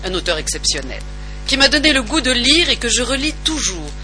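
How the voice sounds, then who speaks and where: Woman, reader, declamatory reading, lively rising and falling voice, steady music underneath. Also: on the high side, fairly quick, rough recording. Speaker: reader of listener messages. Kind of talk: expressive reading aloud.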